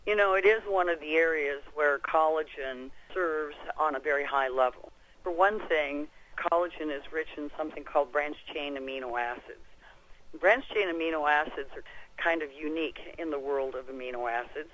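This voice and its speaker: An American woman joins a conference call as an expert guest, a clinic practitioner, explaining things in a folksy, conversational way. Her low voice is fairly bright and moves at normal speed, and the low-quality recording carries a little hiss or hum.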